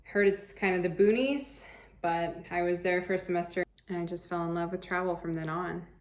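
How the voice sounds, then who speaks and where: A woman's voice: on the low side, fairly even intonation, a little fast. An American woman in her thirties from Arizona, talking casually to camera as a travel vlogger, chatty and upbeat with rambling restarts, seated indoors. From United States (Arizona). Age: 30s.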